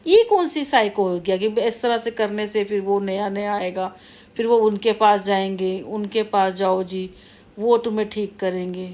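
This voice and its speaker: A woman's voice: medium pitch, steady tone, normal speed, a little mellow. A middle-aged woman talking casually to her viewers, rambling and repeating her warnings in a scolding way. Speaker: vlogger. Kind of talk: casual monologue to camera.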